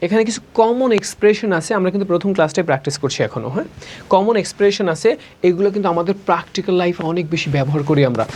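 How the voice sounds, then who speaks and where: Bangladeshi teacher drilling English words. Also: female voice, fairly low pitch, expressive, a little mellow. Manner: slow, drawn-out drilling of words, repeating each several times. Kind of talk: spoken English lesson.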